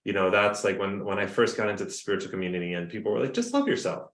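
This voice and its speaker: A coach with a New Jersey accent appears as a guest on a casual podcast over video call, telling stories in an animated, earnest way. He talks rapid-fire in a low voice, and the sound is reverberant.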